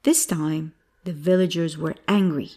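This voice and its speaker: A woman telling a children's bedtime story in a gentle, expressive narration. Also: deep voice, measured pace.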